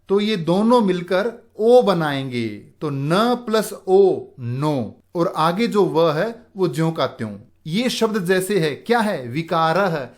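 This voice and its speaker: A male teacher giving a grammar lesson, asking questions and answering them himself. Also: high-pitched.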